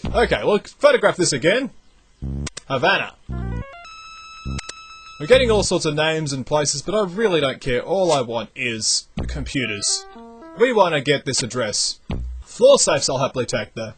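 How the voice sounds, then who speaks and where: A young man, not from the United States, commentating a video game as he plays, thinking out loud with lots of energy. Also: a little high, moderate pace, long pauses, faint music behind. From outside the United States. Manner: animated, thinks aloud while playing. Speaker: let's play commentator. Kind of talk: gameplay commentary.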